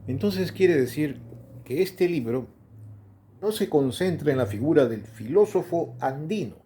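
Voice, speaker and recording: A male interviewer asks questions in a careful, deliberate way. His voice is warm and mellow, with faint background noise. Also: on the high side, expressive.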